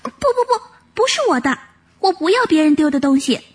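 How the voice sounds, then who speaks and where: A woman's voice: high-pitched, sing-song, unhurried. A woman voicing a small, honest little ant who speaks earnestly and insists on doing right. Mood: insistent.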